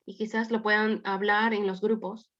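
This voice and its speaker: A woman's voice: medium pitch, level tone, a little fast, a bit bright. Woman interpreter on a video call. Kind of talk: consecutive interpreting into Spanish. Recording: dull lo-fi call audio.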